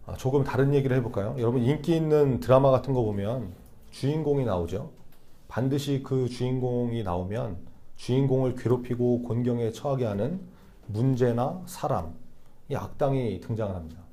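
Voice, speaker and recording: A young male youth pastor preaches in a relaxed, conversational way, regularly tossing questions out to the listeners. His voice has a mellow, warm tone at a medium pitch. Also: moderate pace. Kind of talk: sermon.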